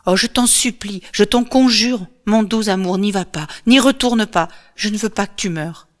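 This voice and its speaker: A woman's voice: fairly low pitch, steady tone, a little fast, a bit bright, lightly acted. A woman doing a loving, pleading young wife. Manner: pleading, emotional.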